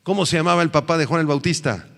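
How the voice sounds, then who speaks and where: A man's voice: a little high, quick pace, creaky, long reverb tail. A male pastor teaching a sermon, asking the congregation questions and answering them himself.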